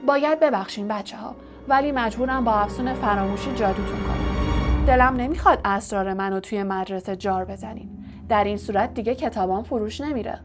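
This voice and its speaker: A woman voicing a vain, evasive male wizard professor who is a fraud, smooth and condescending. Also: fairly high pitch, music in the background, lightly acted. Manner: smooth, self-justifying, condescending.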